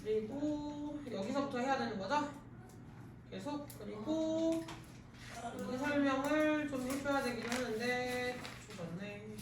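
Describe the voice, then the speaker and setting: High-voiced woman teacher in echoey classroom. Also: background noise. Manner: brisk, explains and quizzes students aloud. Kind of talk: classroom grammar lesson. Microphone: distant mic. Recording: echoey classroom, distant mic, students audible.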